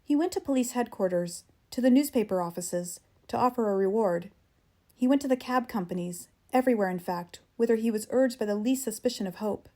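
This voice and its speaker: Reading literary fiction as an audiobook narrator, a woman with a standard American accent sounds measured and expressive. Her voice leans toward the high side.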